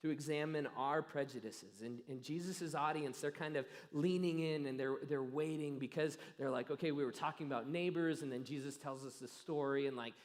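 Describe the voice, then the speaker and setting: A pastor preaching a sermon, telling a story earnestly with dramatic pauses that trail off softly. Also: male voice, medium pitch. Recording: long reverb of a church hall.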